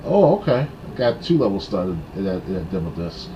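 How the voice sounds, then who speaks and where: A man with a fairly low voice co-hosts a gaming podcast, piecing together his memories with many fillers. He sounds distant from the mic. The line is dull and lo-fi, with clear noise behind him. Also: big pitch swings, warm tone. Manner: halting, filler-heavy recollections. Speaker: podcast co-host. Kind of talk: casual gaming chat.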